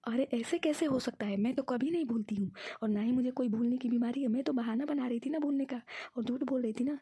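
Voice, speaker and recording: For a cartoon, a woman voices a complaining aging woman who feigns forgetfulness, sounding indignant and whiny. Her voice is on the high side, dark and husky, and she talks fast.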